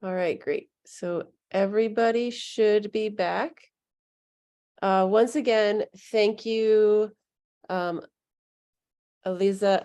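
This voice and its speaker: A woman with a medium-pitched, dark-toned voice hosts an online public meeting over a video call. She comes across as upbeat and chatty, with the occasional um.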